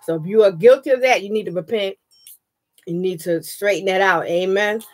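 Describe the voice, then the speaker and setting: A woman's voice: medium pitch, a little fast. A woman pastor giving an earnest sermon with frequent amens, her throat slightly scratchy. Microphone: webcam. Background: music.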